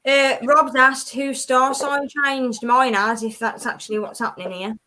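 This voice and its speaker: A woman in casual group chat reads out comments and adds short remarks. Her voice is high, bright and forward. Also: steady tone, moderate pace, a little hiss or hum. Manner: brief interjections, reads comments.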